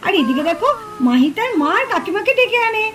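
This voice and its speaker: High-voiced woman narrating a doll cartoon. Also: very animated, quick pace, very noisy.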